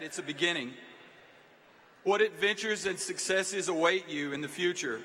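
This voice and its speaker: Man, university leader, rousing commencement address; high, very bright voice with long hall reverb. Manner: rousing, addresses the crowd directly with calls to stand and cheer. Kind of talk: commencement speech to a large audience. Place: large packed venue.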